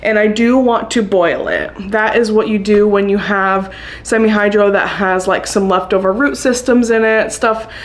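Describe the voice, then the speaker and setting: A woman's voice: mid-range voice, normal speed. A young woman vlogging casually about her houseplant chores, chatty and upbeat, laughing often. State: hiccuping. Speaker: plant vlogger. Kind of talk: casual chat to camera.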